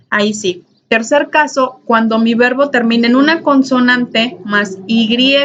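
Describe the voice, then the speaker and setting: A woman's voice: a little high, fairly bright tone. A woman, teaching an online English grammar class in a patient, repetitive way and checking in often. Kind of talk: recorded online class lesson. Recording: dull lo-fi recording.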